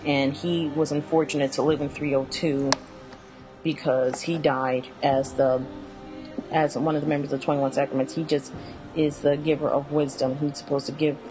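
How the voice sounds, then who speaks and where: A woman with a notably low voice talks through a game's characters in a loose, unscripted way. She stumbles, restarts and fills gaps with "um" as she goes. Soft music plays faintly underneath. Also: level tone, moderate pace, rough recording. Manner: rambling, many fillers and self-corrections. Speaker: video game commentator. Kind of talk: casual spoken character rundown.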